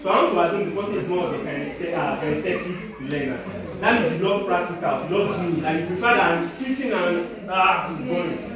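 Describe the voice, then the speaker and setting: A man's voice: sits high, a little fast, a loud crowd. A man leading a classroom session, talking students through their notes and often checking they follow along. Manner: animated, keeps checking students follow with "you understand?". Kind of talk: classroom teaching and discussion. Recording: very echoey room, from far off, loud class noise.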